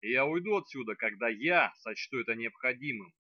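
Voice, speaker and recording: A man's voice: mid-range voice, lively intonation, a little fast, no room sound, muffled recording, lightly acted. A man reading aloud voicing an angry, blunt young male necromancer who speaks curtly and insistently. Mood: stern. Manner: curt, insistent.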